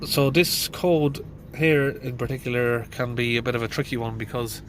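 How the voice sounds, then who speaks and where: Soft music plays behind this middle-aged man, a mechanic talking through a problem inside a van. Hay fever leaves his mid-range voice congested, and he speaks at a moderate pace, plainly, thinking aloud with fillers in a casual diagnostic walkthrough.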